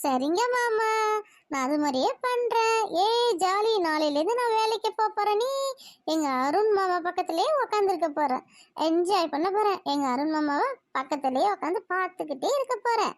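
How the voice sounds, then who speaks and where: Woman doing a lovestruck young cartoon woman, very high girlish voice, coy, teasing, dry sound. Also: animated, moderate pace, no echo. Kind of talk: cartoon voice acting.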